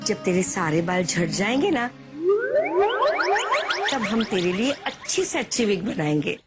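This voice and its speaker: A woman's voice: mid-range voice, lively intonation, measured pace, over loud music, close to an everyday voice. An actress playing a middle-aged mother who dotes on her family and scolds her son in a theatrical way. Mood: coddling. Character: doting melodramatic mother of a grown son. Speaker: mother-in-law.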